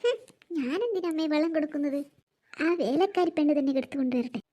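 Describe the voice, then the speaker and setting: A woman's voice: high-pitched, lively intonation, fast talker, warm tone, voice pushed down. Spoiled sullen young woman in a cartoon, a woman voicing her; whiny, grudging lines. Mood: sulky. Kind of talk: cartoon voice acting.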